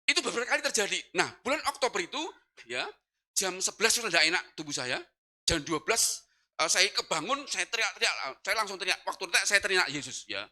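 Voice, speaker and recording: Forceful, animated male pastor. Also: high voice, quick pace. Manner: animated storytelling, acting out gasps and cries. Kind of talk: sermon with personal testimony.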